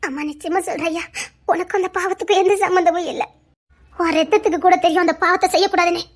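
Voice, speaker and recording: A grief-stricken mother from a television drama, crying as she pleads. Her voice is very high, and her words come out tearful and broken. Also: fairly even intonation, fast talker. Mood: consoling. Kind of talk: TV serial acting.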